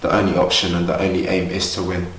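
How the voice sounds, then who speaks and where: A man's voice: sits low, little pitch movement, fast, echoey room, recorded from a distance, a little hiss or hum, poor audio. A young man from Ghana, a boxer, talking earnestly and upbeat in a casual interview at a boxing gym. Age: young adult. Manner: earnest, upbeat, talks freely.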